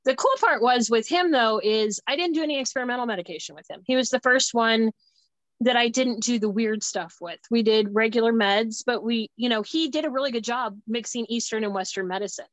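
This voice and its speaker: A woman guest in casual conversation, telling a personal story in an animated way. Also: fairly high pitch, fairly quick, dry recording, rough recording. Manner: animated, acts out dialogue.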